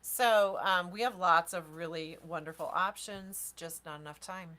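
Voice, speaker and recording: An American woman co-hosting a casual yarn shop live stream, agreeable and quick to chime in. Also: lowish voice, crowd noise. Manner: agreeable, frequent mm-hmms. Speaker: yarn shop co-owner and host.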